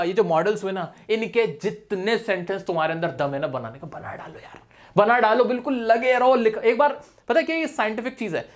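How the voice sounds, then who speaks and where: A young man with an Indian accent teaching spoken English in a casual, direct way, talking straight to his viewers. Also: high-pitched. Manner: chatty, direct, addresses viewers as brother. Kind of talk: casual classroom-style lesson.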